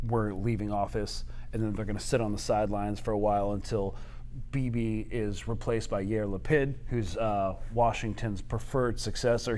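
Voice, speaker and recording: A man with a lowish voice gives a live talk, answering audience questions. He talks in quick analytical bursts, with frequent fillers and restarts. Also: darkish tone, slight background noise. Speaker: guest speaker answering questions.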